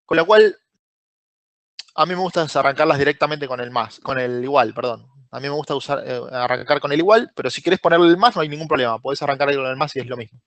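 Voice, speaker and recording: A man with a Rioplatense Spanish accent teaches a live online class, walking through each step and putting questions to his students. His voice sits a little high for a man. The sound is dry and close, with no room around it. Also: a bit bright, no echo. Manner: asks the class questions and praises answers by name. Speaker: Excel course instructor.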